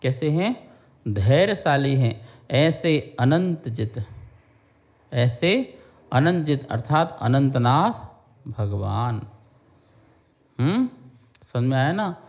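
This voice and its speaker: Slow, patient male scripture teacher. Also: mid-range voice, big pitch swings, darkish tone. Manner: slow, explanatory, drills pronunciation, chants verse lines. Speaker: Jain monk teaching scripture. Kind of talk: devotional lesson explaining a hymn.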